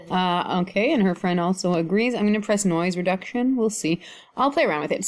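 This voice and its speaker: A middle-aged woman hosting a casual software walkthrough, talking informally and thinking aloud as she clicks through each step. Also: on the low side. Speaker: tutorial host.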